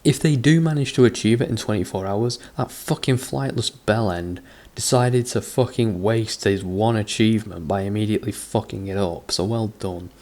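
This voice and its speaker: A comedic book reader gives a sarcastic dramatic reading, repeatedly breaking off into exasperated, sweary mockery of the text. His voice is on the low side with a darkish tone, moving at a normal speed.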